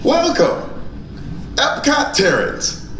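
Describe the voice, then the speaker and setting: A man's voice: very high voice, huge pitch swings, drawn-out words, a little hiss or hum, full character voice. A man playing an earnest, officious, slightly awkward space corps officer in a scripted theme park pre-show. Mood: eager, awkward. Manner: eager, officious, awkwardly comic. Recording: echoey hall, distant mic, loud music.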